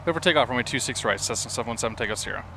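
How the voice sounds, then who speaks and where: A man making crisp, clipped pilot radio calls into a headset mic in a flight simulator. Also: mid-range voice, animated, very fast, noisy background. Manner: crisp, clipped aviation phraseology. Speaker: flight sim streamer playing a pilot.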